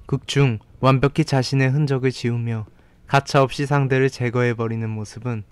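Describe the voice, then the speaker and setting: A man's voice: medium pitch, fairly even intonation, moderate pace, clear, resonant tone, no room sound. A man reading a scripted narration as a voice-over for a film ranking video. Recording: voice-over with faint background music. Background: faint music.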